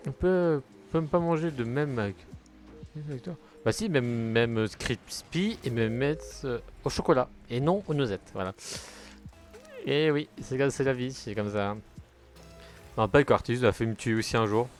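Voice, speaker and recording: A young man streams a game and chats away, rambling and cursing at missed plays. His voice sits at an ordinary middle pitch. Faint music plays in the background. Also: normal speed. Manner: chatty, rambling, swears at the game. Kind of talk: casual gaming commentary.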